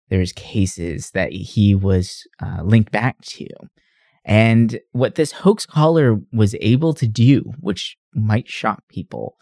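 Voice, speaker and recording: A man with a fairly low voice chats casually as a podcast co-host. He tells stories with energy and slips into voices when he quotes people. The sound is dry and close, with no room around it. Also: dry recording. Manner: animated storyteller, puts on voices in retellings.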